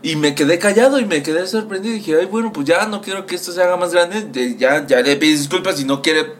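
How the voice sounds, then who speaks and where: A young man with a Mexican Spanish accent telling a crude story in casual chat, animated and acting out voices. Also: sits high, fast. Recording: faint background noise.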